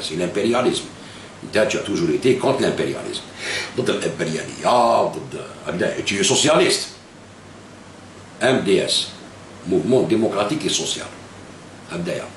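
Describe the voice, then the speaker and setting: A man with an Algerian Arabic accent, delivering political commentary straight to camera, slipping into French and repeating phrases for emphasis. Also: low-pitched. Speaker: political video blogger. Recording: echoey room with faint hiss.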